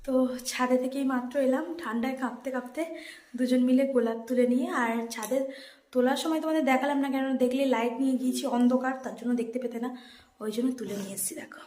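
A woman's voice: sits high, fairly even intonation, quick pace, a little mellow. Chatty woman vlogger, roomy echo. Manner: chatty, talks straight to viewers. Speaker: family vlogger. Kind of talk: casual vlog narration to viewers. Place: home and rooftop at night.

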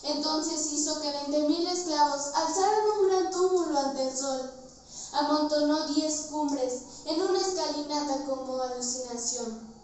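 Echoey, high-voiced Mexican girl declaiming poetry grandly. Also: unhurried, darkish tone. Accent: central Mexican. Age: teenager. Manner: solemn, theatrical, declaimed projection. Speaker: student reciter. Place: indoors, bare tiled-floor room. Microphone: far camera. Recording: distant mic, very echoey room, faint noise.

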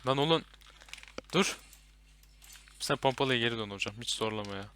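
A young man playing a horror game with a friend, commenting and swearing loudly at the enemies. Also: mid-range voice, moderate pace, slight background noise. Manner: loud, swearing, yelling at enemies. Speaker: gaming YouTuber.

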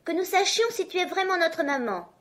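A woman voicing a chorus of small, young goat kids in a children's story, shrill and crying out. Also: animated, fairly quick. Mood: defiant.

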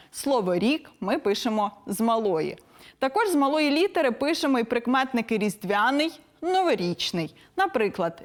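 A young woman presenting a scripted language lesson in a crisp, didactic and lightly playful manner. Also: a little high.

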